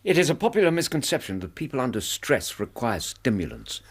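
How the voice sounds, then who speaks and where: An actor playing a mild, practical British doctor and detective's companion in a radio drama, speaking in a matter-of-fact way. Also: male voice, medium pitch, wildly swooping pitch, fairly quick, slightly rough.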